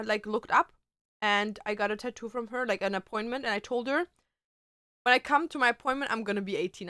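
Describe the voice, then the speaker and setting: With no room sound and a clean studio quality, a fairly high, sharp-toned female voice is heard. It belongs to a young tattoo artist chatting loosely with her stream audience, answering questions and sprinkling in plenty of "like" and "dude."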